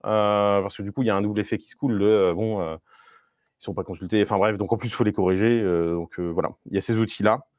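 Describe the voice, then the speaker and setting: A man's voice: lowish voice, fairly even intonation, quick pace, darkish tone, dry recording, clean studio sound. A man talking to a live online meetup audience as a Scrum Master, in a conversational way with many fillers and restarts and a few playful asides.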